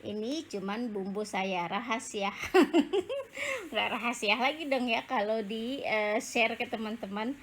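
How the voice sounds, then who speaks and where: A woman's voice: on the high side, big pitch swings, measured pace, a bit bright. A woman from Banten, Indonesia, chatting casually in her home kitchen as she cooks for her vlog, with frequent fillers and laughs. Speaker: cooking vlogger.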